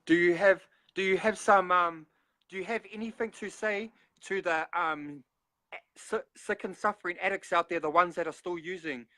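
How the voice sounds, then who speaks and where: Picture a man from New Zealand hosting a recovery live stream, his accent plain in every line. He talks in a loose, rambling way with lots of "you know" and "um." His voice sits a bit higher than most men's. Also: fairly even intonation, normal speed, pushed and bright. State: in recovery, six months clean. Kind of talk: casual live-stream chat.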